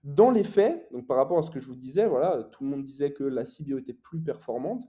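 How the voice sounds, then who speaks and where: A man's voice: medium pitch, animated, fast talker, dark tone. A young man teaching online advertising in a casual, explanatory way, with frequent fillers and self-corrections. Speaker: e-commerce ads coach.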